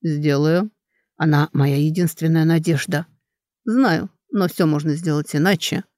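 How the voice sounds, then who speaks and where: A stern young man , read by a woman, talks in a quiet, flat and measured way, slow and steady. His voice sits low and dry in this audiobook reading. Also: dry recording. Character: calm stern young man, protective brother.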